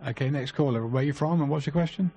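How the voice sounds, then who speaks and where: A man hosting a radio call-in show, brisk and steering callers along. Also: a little high, dark tone, husky.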